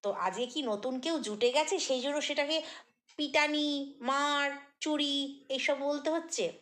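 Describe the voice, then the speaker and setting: A woman's voice: sits high, measured pace, a bit bright. A woman vlogger talking through a casual commentary monologue, chatty and critical, with many fillers and restarts.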